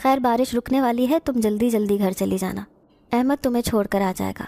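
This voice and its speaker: A woman's voice: on the high side, fairly even intonation, mellow, no echo, close to an everyday voice. A woman voicing a caring, motherly older woman in a storybook tale, speaking with sympathy. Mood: sympathetic.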